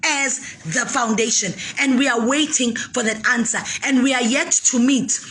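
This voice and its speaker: Woman, foundation spokesperson, high bright voice, firm and repetitive on-camera statement. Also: normal speed. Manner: emphatic and insistent, repeating key points.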